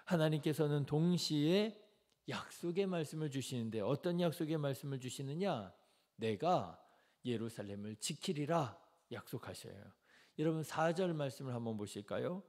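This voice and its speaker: A man preaching an early morning sermon in a conversational way, with frequent fillers, reading scripture louder. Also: a little high, fairly quick. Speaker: pastor. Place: church sanctuary.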